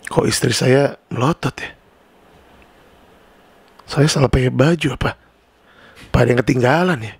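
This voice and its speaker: A man voicing a slow, bewildered husband who sounds puzzled and fretful. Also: medium pitch, vocal fry, husky, no echo, pitched below the performer's own voice.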